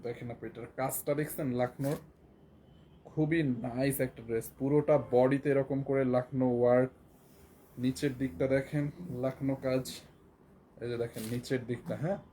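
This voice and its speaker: Hoarse Bangladeshi man doing a sales pitch. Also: warm tone, slight background noise. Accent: Bangladeshi Bengali. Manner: repetitive, keeps repeating prices and urging viewers to buy. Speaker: live-stream clothing seller. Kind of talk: live shopping sales pitch.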